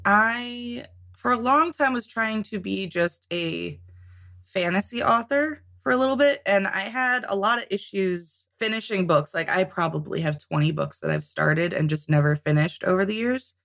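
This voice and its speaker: A woman's voice: medium pitch, moderate pace, a bit bright. A woman guest in a casual interview, talking about tabletop games, chatty with frequent laughs and ums. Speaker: podcast guest, tabletop game author.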